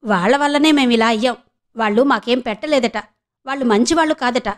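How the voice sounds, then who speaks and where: Push hard as a narrator doing a fiery, demanding young wife, with a high-sitting voice. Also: female voice, brisk, natural voice. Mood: angry. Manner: scolding, demanding. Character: hot-tempered young wife.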